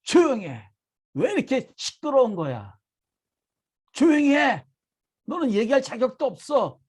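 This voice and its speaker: A man's voice: very high voice, sing-song, a little slow, a little mellow, husky, pitched above the performer's own voice, exaggerated voice. A man voicing a jeering crowd that harshly scolds a blind beggar with contempt, as part of a sermon. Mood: scornful.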